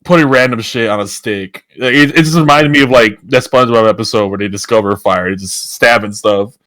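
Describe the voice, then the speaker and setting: A man's voice: fairly low pitch, a little fast, fairly bright tone, no room sound. A man co-hosting a podcast in casual chat, laughing often while he tells a loose story. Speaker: podcast co-host.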